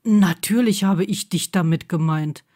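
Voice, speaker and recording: A woman reading an audiobook, voicing a flustered young man whose replies come hushed and breathy. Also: lowish voice, a little slow, natural voice. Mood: husky.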